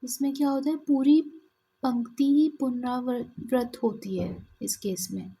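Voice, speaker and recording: Slow, husky-voiced woman teacher. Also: high voice, steady tone, warm tone, poor audio. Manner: slow, explaining, reads verse examples aloud with pauses. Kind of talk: exam-prep lesson.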